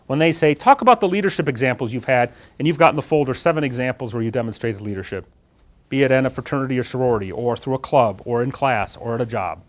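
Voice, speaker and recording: Fast-talking animated middle-aged man. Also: medium pitch. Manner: animated, talks with his hands, asks the audience questions. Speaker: guest speaker on job interviews. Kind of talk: lively classroom talk to students. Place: lecture room with student audience.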